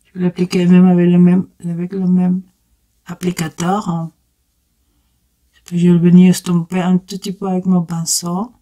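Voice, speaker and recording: A woman's voice: on the low side, completely flat delivery, moderate pace, warm tone. A woman vlogger chatting through a makeup tutorial, talking straight to her viewers with enthusiastic exclamations. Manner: chatty, talks straight to viewers while working. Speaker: beauty vlogger. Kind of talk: casual makeup tutorial chat.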